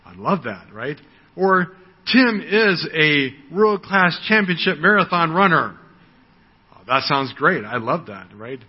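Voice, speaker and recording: A man's voice: a little high, big pitch swings, slow, breathy edge. An American man in his sixties giving a conversational sermon, often asking "right?" and repeating words as he starts a thought. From United States. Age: 60s. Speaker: preacher. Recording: dull audio with long hall reverb.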